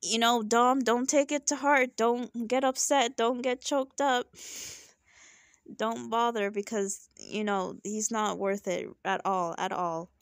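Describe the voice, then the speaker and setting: A woman's voice: a little high, fairly even intonation, slow pace, no echo, clean studio sound. Chatty opinionated woman reviewing reality TV. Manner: chatty, opinionated, frequent "right?" asides. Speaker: reality TV recap host. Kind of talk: casual reality show review.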